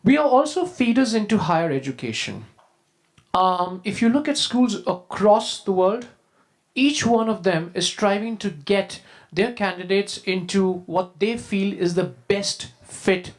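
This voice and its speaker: A man with an Indian accent giving a prepared talk as a school leader, in a formal, measured and emphatic way. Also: high-pitched. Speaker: school deputy head, conference speaker. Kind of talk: prepared presentation to an audience.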